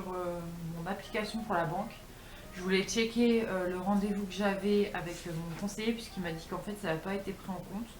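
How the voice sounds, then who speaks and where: A young woman speaks as a vlogger in an informal, chatty way, addressing her viewers directly. Her medium-pitched voice sits in a roomy, echoing home recording with faint noise behind it. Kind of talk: casual chat to camera. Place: indoors at home.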